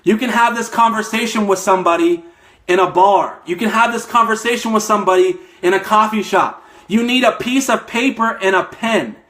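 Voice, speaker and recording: A man's voice: sits high, brisk, pushed and bright. A young man giving a fired-up motivational talk as a network marketing coach, emphatic and a little out of breath, often tagging lines with "okay?". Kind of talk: motivational live stream talk.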